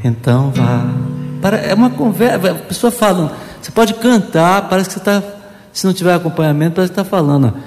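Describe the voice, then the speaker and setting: A man musing about a song and singing pieces of it to his guitar, unhurried, between songs at a live show. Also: sits high. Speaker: singer and guitarist. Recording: roomy hall, live audience, guitar. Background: guitar and loud audience.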